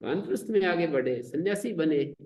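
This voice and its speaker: An older man with an Indian Hindi accent teaching a scripture lesson, chanting Sanskrit verses, explaining them slowly and asking rhetorical questions. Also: fairly high pitch, animated, warm tone. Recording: echoey room.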